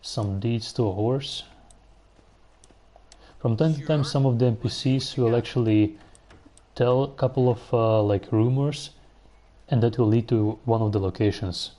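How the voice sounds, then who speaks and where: Male streamer, mellow tone, easygoing live gameplay chatter, replies to chat between moves. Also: mid-range voice, a little slow, long pauses. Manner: relaxed, musing aloud while playing, answering chat. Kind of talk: casual gameplay commentary.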